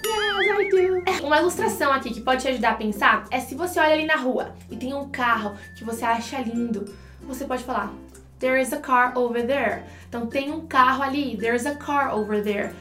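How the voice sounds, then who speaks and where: Co-hosting an English lesson video, this Brazilian teacher chats with her audience, addressing them directly and illustrating ideas with examples. She has a high, slightly bright voice at normal speed, heard in a reverberant space with faint music behind her.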